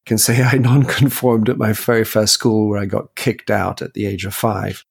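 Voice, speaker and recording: A man's voice: on the low side, level tone, moderate pace, creaky, slightly rough. A man in his fifties, a guest and author, telling his life story in a reflective interview. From Belgium. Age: 50s. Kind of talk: interview conversation.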